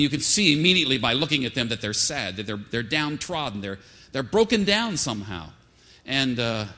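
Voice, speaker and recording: Man, preacher, sermon, chatty storytelling, bright voice, reverberant hall. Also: mid-range voice. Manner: conversational, animated storytelling with frequent restarts. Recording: echoey hall.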